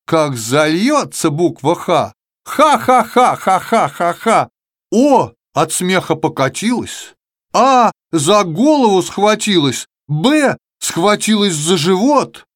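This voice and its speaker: A man narrating a children's verse tale in an expressive, sing-song storytelling manner. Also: sits high, slow pace, no room sound, studio quality.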